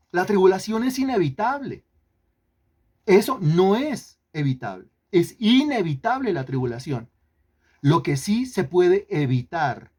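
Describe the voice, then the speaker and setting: Repetitive preacher man, slow stressed words. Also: a little high, darkish tone, slightly rough. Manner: repetitive, rhetorical questions to the congregation; stretches key words slowly for emphasis. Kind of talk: sermon teaching.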